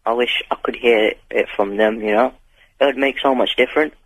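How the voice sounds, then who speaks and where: This teenage caller, fifteen and London-accented, phones into talk radio with a mid-range, husky, slightly bright voice that stays steady and moves a little fast. The telephone recording is dry, and his candid, informal talk is full of emphatic slang and repeated phrases.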